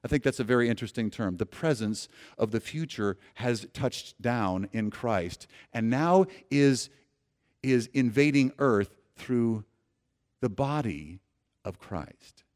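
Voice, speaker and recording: A man preaching a sermon, earnestly leading his congregation and often restarting his phrases, swinging from loud emphasis to soft low endings. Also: animated, slow. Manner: earnest preaching, asks congregation to repeat lines aloud; frequent restarts and repeated words. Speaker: pastor.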